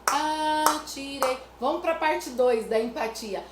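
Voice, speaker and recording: A woman's voice: sits high, animated, moderate pace. A woman from Brazil, explaining music activities for children to parents in a chatty way, often adding "né?". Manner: chatty, repeats "né?" often, sings nursery rhymes as examples. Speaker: music educator. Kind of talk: casual teaching talk to parents. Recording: echoey room with faint noise.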